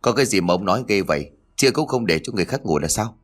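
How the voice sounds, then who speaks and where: A cruel young daughter-in-law, voiced by a man, who talks down to everyone with sharp contempt. The storybook reading uses a lowish voice with lively rises and falls. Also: racing. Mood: scornful. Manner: snappish, contemptuous.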